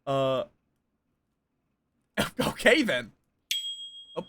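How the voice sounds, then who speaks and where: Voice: mid-range voice, very animated, drawn-out words, fairly bright tone, slight background noise. A game streamer and storyteller chatting casually with friends and viewers, playful, with little sing-song interjections. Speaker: streamer and game storyteller running an online social deduction game.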